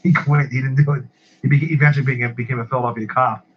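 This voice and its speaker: A man's voice: medium pitch, steady tone, quick pace. Rambling man telling a story, lo-fi. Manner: rambling, repeats words, laughs at own stories. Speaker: podcast regular. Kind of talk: casual storytelling chat. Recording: muffled lo-fi with faint hiss.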